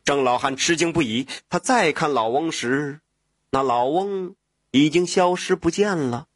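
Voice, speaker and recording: A man narrating a folk tale in a lively oral storytelling manner, with spoken fillers. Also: fairly high pitch, unhurried, no echo, studio quality.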